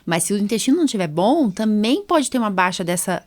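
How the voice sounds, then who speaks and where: A Brazilian woman with a Brazilian Portuguese accent hosts a podcast as a doctor, chatting informally and chiming in with agreement. Her mid-range voice is very animated and fast.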